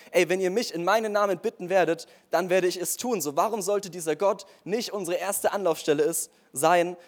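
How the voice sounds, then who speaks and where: A young man giving an earnest, casual sermon-style testimony, speaking straight to his listeners with frequent fillers. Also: on the high side.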